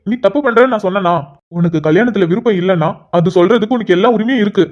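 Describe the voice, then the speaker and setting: A woman's voice: fairly low pitch, fast talker, muffled recording, natural voice. A woman voicing a young man, a protective elder brother who talks in a heated, insistent way, in a cartoon. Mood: firm. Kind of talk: cartoon voice acting.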